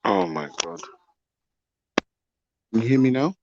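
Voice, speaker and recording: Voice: mid-range voice, lively intonation, unhurried, background noise. A caller on a livestream whose call line keeps dropping out, repeatedly asking if they can be heard. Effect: call line dropping out, voice cutting in and out. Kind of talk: casual chat. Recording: muffled, distant phone call line.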